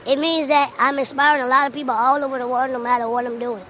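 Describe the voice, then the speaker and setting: A man's voice: very high-pitched, little pitch movement, quick pace, fairly bright tone, a little hiss or hum. A fifteen-year-old boy being interviewed, talking in a cocky, playful trash-talking way. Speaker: award-winning guest.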